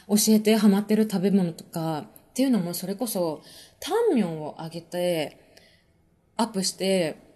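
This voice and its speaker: A woman hosting a casual live-stream chat with her listeners. She is relaxed and chatty, uses lots of fillers, laughs often, and reads out and answers viewer comments. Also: medium pitch. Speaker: podcast host and musician.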